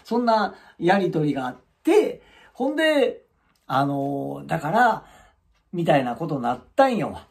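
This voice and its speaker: A middle-aged man from tells a story in a lively, swooping voice with a gravelly edge. He talks as a channel host and acts out the people he describes. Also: on the high side, measured pace. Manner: animated, acts out quoted voices. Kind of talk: casual storytelling monologue.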